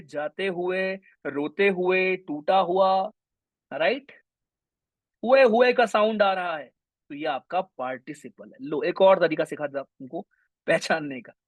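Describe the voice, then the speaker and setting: Brief: young male grammar tutor, high voice, lively classroom energy, dry close mic. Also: no echo. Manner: energetic, mixes Hindi with English terms, addresses students as brothers. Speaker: English grammar teacher. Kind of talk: online exam-prep class lecture.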